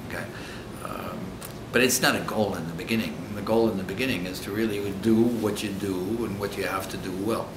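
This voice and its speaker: A man's voice: fairly low pitch, fairly even intonation, brisk, few pauses, roomy sound, background noise. A man in his sixties with a French accent, a coach thoughtfully answering interview questions in earnest. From Egypt. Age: 60s. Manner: earnest, thoughtful, searching for words. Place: indoor hotel room.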